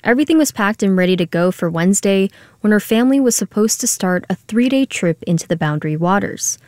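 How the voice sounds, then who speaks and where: A woman radio reporter reading a scripted news story in a clear, even way. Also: medium pitch, brisk, no room sound, clean studio sound.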